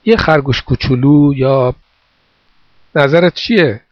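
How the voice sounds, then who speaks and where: A man reading a story voices a kindly bow-legged old man who speaks gently and coaxingly. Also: mid-range voice, no room sound, natural voice. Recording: dull dry recording.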